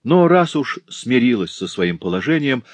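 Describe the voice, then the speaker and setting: Man reading a pleading young noblewoman, raised pitch, dry close sound, audiobook. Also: very animated, normal speed, no room sound. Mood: earnest, pleading. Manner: earnest and pleading. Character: remorseful devoted young noble wife.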